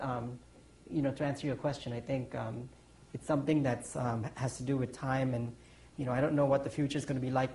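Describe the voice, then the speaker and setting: A man's voice: mid-range voice, vocal fry, a little mellow, slight background noise, rough recording. Man from Thailand, 40s, pastry chef on a panel stage; meandering, filler-heavy answers. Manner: rambling, many ums and restarts, chuckles. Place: conference stage.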